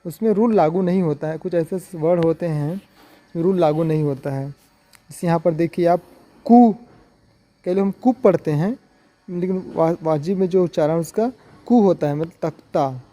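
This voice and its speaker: A man's voice: fairly high pitch, moderate pace, dark tone. A man teaching English pronunciation in a video lesson, going through words one by one with their meanings and repeating points as he explains.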